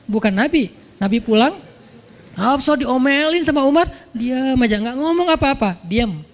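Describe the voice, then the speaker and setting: A male preacher giving a casual, storytelling sermon, colloquial and lively, acting out the people in his story. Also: very high-pitched. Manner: colloquial, lively, acts out characters' voices. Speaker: Islamic preacher. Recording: long hall reverb.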